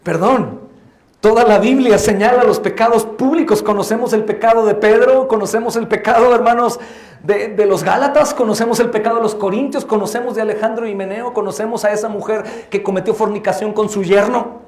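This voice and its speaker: A man preaching a sermon as pastor, impassioned and rising to loud exhortation. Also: high-pitched, fairly even intonation, brisk. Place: church hall. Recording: echoey church hall.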